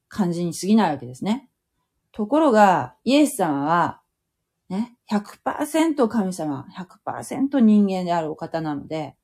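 A woman's voice: medium pitch, mellow. A woman from Fukuoka giving a casual Bible teaching podcast, explaining patiently and reading scripture aloud with comments. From Fukuoka, Japan. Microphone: home podcast mic.

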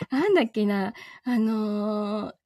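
Close to a studio mic in a small home recording booth, a voice performer hosts a live stream, bantering playfully and laughing often. Her medium-pitched voice is slow and a little mellow, with no echo.

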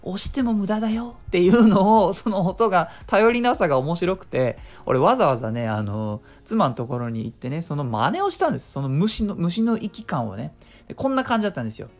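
Faint music plays behind a high, very animated, brisk male voice. He's a middle-aged podcast host on a relaxed one-man talk show, talking chattily, explaining himself, giving speaking advice, and adding small sound imitations.

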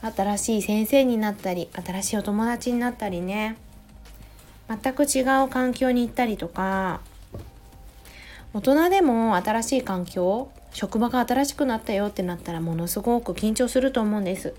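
A woman in her thirties, a mother, talking in a gentle, chatty way in a casual solo audio diary, close to the mic. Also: on the high side, moderate pace. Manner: gentle, chatty, many soft "ne" tags. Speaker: podcast host, mother of a preschooler. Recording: faint music behind voice.

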